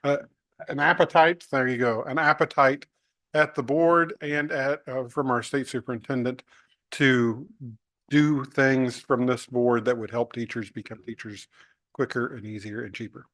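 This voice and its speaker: A staff member briefing an advisory board at a public meeting, pausing often and searching for the right words. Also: male voice, mid-range voice, steady tone, a bit bright, dry recording, clean studio sound. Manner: searching for words, many uh fillers.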